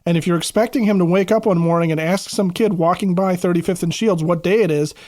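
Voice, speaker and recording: A man's voice: high-pitched, fast, a little mellow, dry recording, studio quality. A man co-hosting a sports podcast, joking wryly as he tells his points. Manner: wry, joking storyteller. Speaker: podcast co-host. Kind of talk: casual sports podcast chat.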